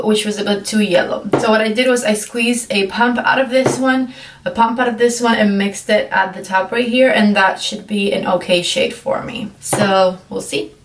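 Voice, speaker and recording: A young beauty vlogger, her voice a little high and groggy from just waking up, gives a casual makeup tutorial full of fillers, chatting and apologizing as she goes. She's recorded in an echoey room with the mic set back, and a faint hiss or hum is present.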